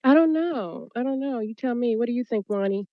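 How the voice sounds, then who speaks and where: A woman's voice: fairly high pitch, expressive, brisk, dry recording. A woman chatting casually as a panelist on a discussion. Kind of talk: casual chat. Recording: dull lo-fi audio, dry.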